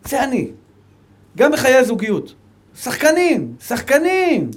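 Fervent Israeli rabbi, high-pitched. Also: male voice, huge pitch swings. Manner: fervent, swings from soft low asides to raised emphatic calls. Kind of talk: Torah lecture.

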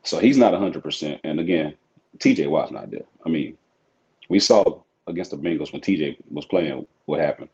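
A man, a football coach, giving calm, smooth analysis as a podcast guest. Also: rumbling low, moderate pace. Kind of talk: casual sports podcast interview. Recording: slightly dull lo-fi sound.

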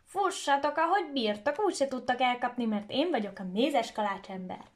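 A woman voicing a cheeky, boastful little gingerbread boy who shouts his taunts in a high voice. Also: animated. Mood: taunting.

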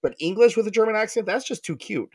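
A man's voice: high voice, fast, dry recording. Joking man, dry close sound. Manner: joking, animated, laughs often. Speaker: podcast host. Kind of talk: casual chat. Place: recording in Germany.

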